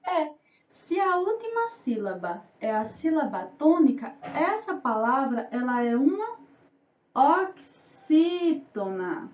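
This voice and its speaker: Sing-song Brazilian teacher, far and roomy. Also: female voice, sits high, big pitch swings. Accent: Brazilian Portuguese. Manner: sing-song, drawn-out syllables, asks and answers own questions. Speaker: primary school teacher. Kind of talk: remote class for children. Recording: roomy, distant, dull lo-fi sound.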